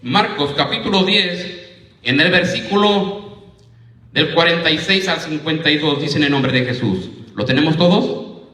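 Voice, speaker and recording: A man's voice: fairly high pitch, a little slow, pushed and bright. A man preaching a sermon as minister, reading scripture aloud and often asking his listeners "right?". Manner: addresses listeners as "hermano", asks "¿verdad?". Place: church congregation. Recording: echoey church, voice from a distance.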